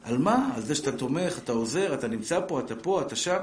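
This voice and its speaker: Jokey man teaching in an echoey room. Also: medium pitch. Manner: lively, jokey, talks straight to listeners and acts out family scenes. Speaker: Torah teacher. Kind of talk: live Torah lesson to an audience. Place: class room with a live audience.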